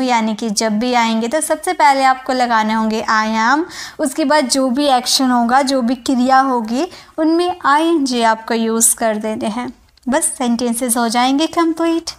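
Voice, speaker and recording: Woman, English teacher, high bright voice, patient repeating lesson style. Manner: explains patiently, repeats examples slowly. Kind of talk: spoken English lesson in Hindi.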